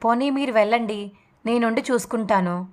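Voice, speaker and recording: Woman reading a gentle, caring young wife. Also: on the high side, normal speed, natural voice. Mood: sympathetic. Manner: soft, sympathetic.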